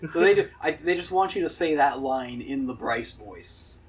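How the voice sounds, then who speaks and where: A man's voice: mid-range voice, expressive, moderate pace, over a noisy crowd. A man hosting a casual podcast chat, laughing often and tripping over his words in a hotel room. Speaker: podcast host. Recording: noisy, distant room recording.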